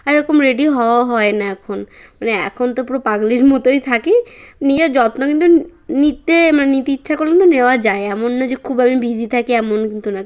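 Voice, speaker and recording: A woman's voice: sits high, clean tone, lo-fi sound. A young woman, a mother chatting casually to her vlog viewers at home with lots of fillers. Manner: chatty, many fillers, baby talk to her child.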